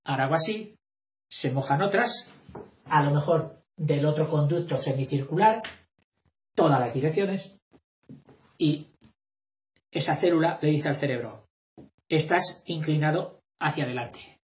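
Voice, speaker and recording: A man's voice: on the high side, animated, unhurried, long pauses, a little mellow, echoey room, slight background noise. A man giving an informal video lesson, explaining in a rambling, conversational way and often checking in with tag questions. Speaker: teacher.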